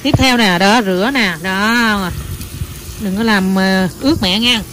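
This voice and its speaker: A mother chatting with her small child in a home vlog, animated and coaxing, with English words mixed into her talk. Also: medium pitch, slow, slight background noise. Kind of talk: casual home vlog chat.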